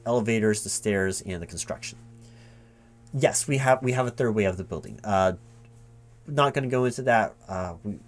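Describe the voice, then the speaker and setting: A man with a lowish voice plays a flustered, evasive recruiting manager in a one-sided ASMR job interview roleplay. He rambles, halting, repeating himself and correcting his words.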